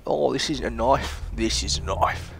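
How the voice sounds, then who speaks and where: A British man voicing a stereotyped Australian bloke in a deliberately bad put-on Australian accent, loud and drawling. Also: mid-range voice, vocal fry, slight background noise. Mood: boisterous mockery. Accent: put-on Australian over British. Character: jokey stereotyped Australian bloke, male adult.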